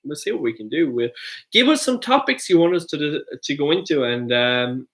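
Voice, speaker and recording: A man's voice: a little high, lively intonation, normal speed, a bit bright. A young Irish man who has had a few drinks, chatting loosely and jokingly as co-host, full of restarts. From Ireland. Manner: rambling, loose and jokey, many restarts. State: tipsy. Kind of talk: casual chat.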